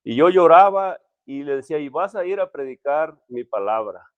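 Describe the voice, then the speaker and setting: A man, a pastor, telling his personal testimony in a halting, emotional way with many restarts. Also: fairly high pitch, lively intonation, no echo, dull audio. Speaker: pastor, interview guest.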